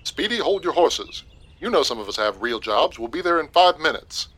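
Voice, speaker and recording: A man voicing a gruff, wisecracking police officer who needles his friend. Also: medium pitch, lively intonation, moderate pace, a little mellow. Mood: needling. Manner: dry, needling, complaining. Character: gruff, wisecracking middle-aged male cop.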